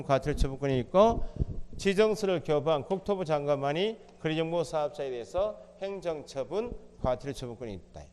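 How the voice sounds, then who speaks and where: A man's voice: fairly high pitch, darkish tone, long reverb tail, a little hiss or hum. A man teaching an exam prep lecture, asking the class questions and answering them himself. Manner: quizzing, asks and answers his own questions. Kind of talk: recorded lecture.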